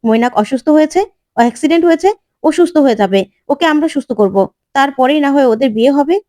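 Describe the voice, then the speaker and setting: A woman's voice: high voice, expressive, fast, dark tone, no room sound, clean studio sound. A woman voicing a hot-headed young man who argues in exasperation. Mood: exasperated.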